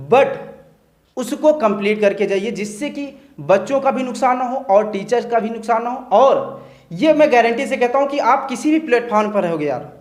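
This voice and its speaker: Earnest male teacher in an echoey room. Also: high voice. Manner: earnest, repeats "theek hai" as a check-in. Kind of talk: opinion discussion.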